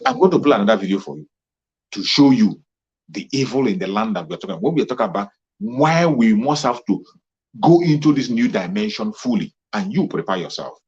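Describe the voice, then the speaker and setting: A man's voice: fairly low pitch, animated, fairly quick, darkish tone, slightly rough. A man gives an impassioned political monologue, rallying and repeating himself for emphasis. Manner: fervent, repetitive, rallying tone. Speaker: political commentator. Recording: muffled lo-fi recording.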